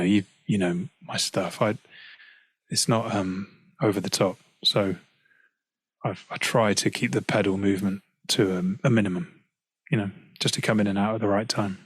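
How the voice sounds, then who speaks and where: A man with a British accent, a guest singer-songwriter chatting casually in an interview from home, relaxed and quick to laugh. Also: lowish voice, breathy edge, no room sound. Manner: relaxed, chatty, laughs easily, frequent "you know". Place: at home practicing, on a call.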